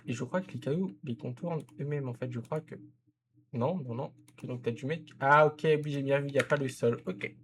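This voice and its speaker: A man's voice: medium pitch, slight background noise. Chatty man giving game-building tips. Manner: chatty, gives advice directly to the viewer, self-correcting. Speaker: game content creator reviewing a viewer's zoo. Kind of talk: casual gameplay commentary.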